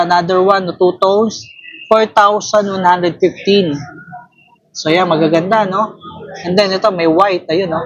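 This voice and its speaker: A man with a Filipino accent walks viewers through a watch shop in an unhurried, rambling way. His voice is husky and slow, and the phone recording sounds dull and lo-fi. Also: high-pitched. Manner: slow, relaxed, filler-heavy, tags lines with "no?". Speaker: vlogger touring a watch shop. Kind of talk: casual walkthrough narration. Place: indoor watch store.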